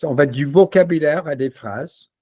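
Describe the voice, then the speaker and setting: A man demoing a language-learning platform in a casual walkthrough, relaxed and full of fillers. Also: a little high, normal speed. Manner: relaxed, repeats words, many fillers.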